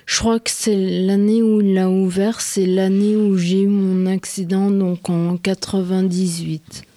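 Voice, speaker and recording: A woman in her thirties with a western French accent, answering questions in a radio studio with halting speech and many pauses. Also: mid-range voice, little pitch movement, warm tone, no echo. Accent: French, from western France. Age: 30s. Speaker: interviewee. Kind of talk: radio interview.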